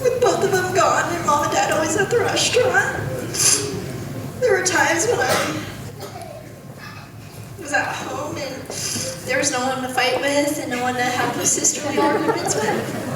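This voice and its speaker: A young American woman gives an informal, halting, giggly maid of honor toast at a wedding gathering, her high voice expressive. She's far from the recorder in a large reverberant room, so the audio is echoey and clearly noisy.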